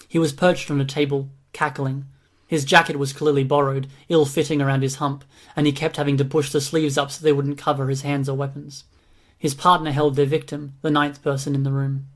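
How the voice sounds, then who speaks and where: Audiobook narrator, male, mid-range voice, flat steady delivery. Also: on the high side. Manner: even, steady reading. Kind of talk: scripted narration.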